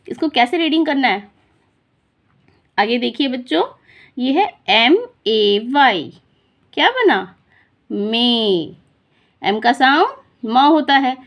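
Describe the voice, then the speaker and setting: A woman teaching children to read, slowly and patiently, repeating sounds and asking questions. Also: high-pitched, a bit bright. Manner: slow, patient, repeats and quizzes the listener. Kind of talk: phonics lesson for children.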